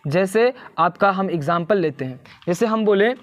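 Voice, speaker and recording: With a medium pitch and lively intonation, a teacher works through a grammar lesson by asking and answering short questions. Key points come up more than once, and the pace drops whenever English phrases are spelled out.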